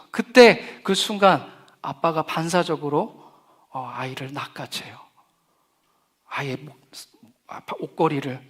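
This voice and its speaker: A middle-aged man preaching a sermon as pastor to young people, lively, with humor and acted quotes. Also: a little high, husky.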